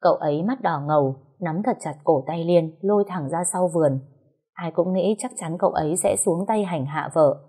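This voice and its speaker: A woman narrating a story in a low, steady voice. Her tone is mellow and warm, with a breathy, husky edge. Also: moderate pace. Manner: steady, even story reading.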